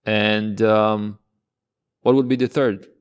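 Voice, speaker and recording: Low, flat-voiced podcast host man. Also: clean tone. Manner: halting, many fillers, earnest. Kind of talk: casual interview talk.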